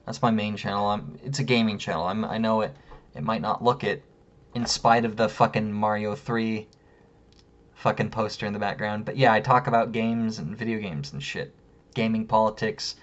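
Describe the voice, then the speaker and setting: A man's voice: on the low side, normal speed. A man ranting casually to camera in a room at home, heated and rambling, swearing constantly. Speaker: vlogger. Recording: dull lo-fi sound.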